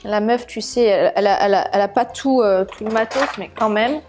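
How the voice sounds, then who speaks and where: A cooking channel host runs a live stream from her kitchen, chatting casually in a put-on southern French accent, thinking aloud and often laughing at her own mistakes. Her voice is medium-pitched, fairly quick and a little mellow, with faint music behind her.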